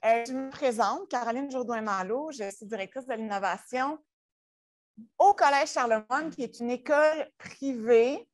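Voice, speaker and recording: A woman's voice: a little high, moderate pace. A woman from Quebec with a Québécois accent, a school innovation director giving a conference presentation in a chatty, joking way. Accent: Québécois French. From Quebec, Canada. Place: presentation room.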